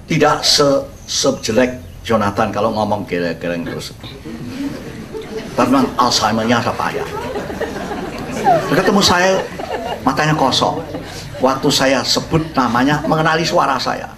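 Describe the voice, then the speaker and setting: An older man, a pastor, giving an expository sermon as a humorous, animated storyteller who sprinkles in English words. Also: mid-range voice, moderate pace, far from the mic, crowd noise.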